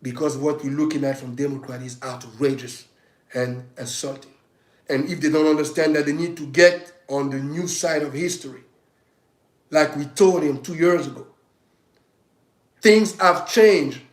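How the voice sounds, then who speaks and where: Man, high-pitched voice, heated and emphatic, livestream monologue, echoey room. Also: steady tone, moderate pace. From Africa. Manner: heated, emphatic, repetitive restarts. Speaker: self-styled state governor giving political commentary.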